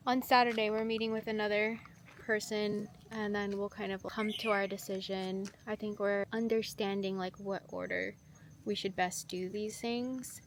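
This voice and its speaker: A woman chatting to camera in a casual vlog outdoors, excited and full of fillers. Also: mid-range voice. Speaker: vlogger showing their land. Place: outdoors on a building site. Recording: outdoor noise, passing vehicles.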